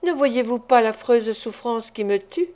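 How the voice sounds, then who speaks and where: A woman reading a storybook, voicing a mysterious young woman who speaks in a calm, grave and dignified way. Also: fairly high pitch, normal speed, natural voice. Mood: despairing.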